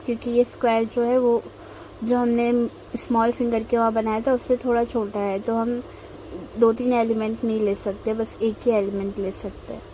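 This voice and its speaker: Young indian woman, slow patient tutorial voice-over, slightly high but mellow, faint hiss behind. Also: little pitch movement, low-quality recording. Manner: slow, patient explaining with frequent pauses. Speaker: mehndi tutorial host. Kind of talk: instructional voice-over while drawing.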